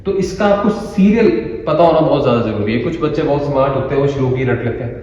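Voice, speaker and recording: A man's voice: medium pitch, animated, quick pace, darkish tone. A man teaching Ayurveda to students. He explains step by step, asks himself rhetorical questions and checks in with "theek hai". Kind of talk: classroom lecture to students. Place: classroom with a blackboard. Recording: distant mic in an echoey room, dull sound.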